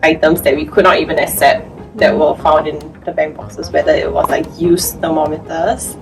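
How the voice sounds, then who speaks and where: Deep, gravelly and flat, this woman's voice moves at a moderate pace as she looks back casually on her work at a food bank in an interview. Background music plays, and she is picked up by a slightly distant mic.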